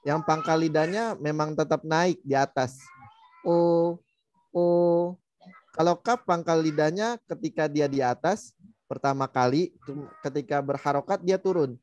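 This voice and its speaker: A man's voice: a little high, measured pace, darkish tone, no echo. A man teaching Quran recitation in an online class, patiently demonstrating each letter sound over and over. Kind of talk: online tajwid lesson.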